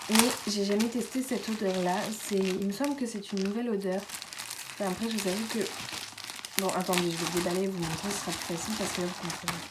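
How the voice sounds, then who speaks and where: A teenage girl chatting casually through a beauty haul at home, speaking softly and often slipping into a whisper, with lots of fillers and restarts. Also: mid-range voice, heavy background noise. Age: late teens. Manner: hushed, often dropping to a whisper. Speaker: beauty vlogger. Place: at home indoors.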